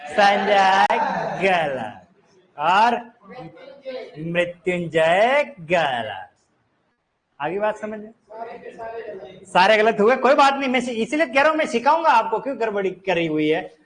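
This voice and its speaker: A man's voice: high voice, big pitch swings, slow pace, pauses often, a bit bright. A man teaching a grammar class, explaining step by step and quizzing his students. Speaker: Hindi teacher. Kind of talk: classroom lecture.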